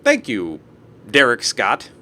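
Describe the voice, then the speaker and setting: Slow-paced and forceful, a young man's bright, mid-range voice swings hugely in pitch during a live stream. He reads out posts, then rants about them, peppering his asides with heavy swearing.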